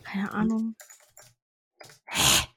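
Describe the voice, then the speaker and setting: A woman's voice: a little high, level tone, very slow, sharp tone, husky, dry recording. A woman co-hosting a podcast, chatting playfully and mocking herself while playing a guessing game. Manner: playful, giggly, self-mocking. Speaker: podcast co-host.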